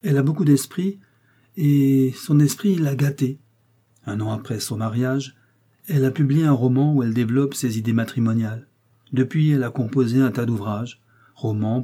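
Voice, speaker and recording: A man narrating a classic novel in the first person, with a measured literary reading. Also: mid-range voice, dark tone, husky. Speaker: audiobook narrator.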